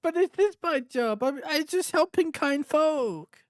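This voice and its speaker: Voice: high voice, animated, a little slow, no room sound, voice pushed up. Game master playing whiny young bandit captive, defensive, pleading, dry close sound.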